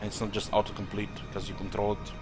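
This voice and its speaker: Over loud music, a Croatian man streams a strategy game, narrating live and musing aloud with plenty of fillers in Croatian-influenced English. He talks fast in a fairly low, monotone voice.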